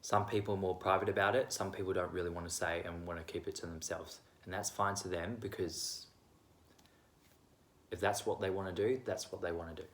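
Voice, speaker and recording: Rambling young man, low-pitched. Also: steady tone, fairly quick, fairly bright tone. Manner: rambling, self-deprecating, candid. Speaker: vlogger. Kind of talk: casual opinion monologue.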